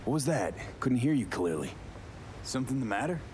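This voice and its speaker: A man's voice: medium pitch, big pitch swings, brisk, background noise, natural voice. An actor playing a dry, weary male mercenary in a video game drama. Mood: concerned.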